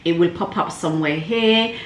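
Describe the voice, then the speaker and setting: Faint noise and an echoey room surround a Somali woman whose voice leans low and moves at normal speed. She addresses viewers casually as a vlog host would, candid and cheeky, sprinkling in slang.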